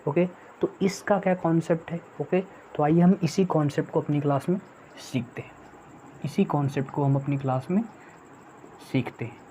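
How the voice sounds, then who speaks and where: Low-pitched woman teaching with many repeats. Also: normal speed, dark tone. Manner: repetitive, addresses viewers as friends, asks and answers her own questions. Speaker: English teacher. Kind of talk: online exam-prep lesson. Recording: dull lo-fi audio with faint noise.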